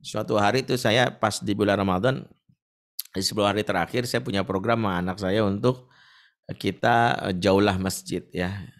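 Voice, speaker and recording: Animated preacher man. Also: on the low side, normal speed, long pauses. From Indonesia. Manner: animated, acts out shouting voices in stories. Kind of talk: Islamic lecture with storytelling.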